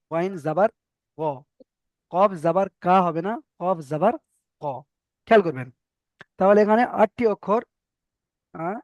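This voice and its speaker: High-voiced man drilling letter sounds. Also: dry recording. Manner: slow, repetitive drilling of syllables with pauses. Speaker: online Quran reading teacher. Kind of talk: online class lesson, spelling out letter sounds. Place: online video class.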